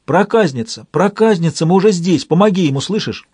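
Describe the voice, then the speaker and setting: Man voicing a desperate young woman, high, pleading, storybook. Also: animated, fairly quick, a little mellow, slightly rough, no echo. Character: young woman, desperate over her dying love.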